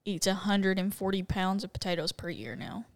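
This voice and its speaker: A woman's voice: mid-range voice, steady tone, moderate pace, no room sound. A woman co-hosting a podcast in casual chat, laid-back with frequent "like". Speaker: podcast co-host.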